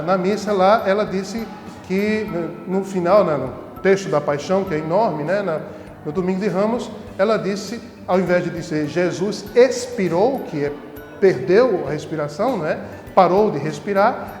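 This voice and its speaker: A man's voice: sits high, a little mellow. A priest telling funny stories from his ministry in a casual way, laughing easily. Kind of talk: casual storytelling. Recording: echoey room with long reverb.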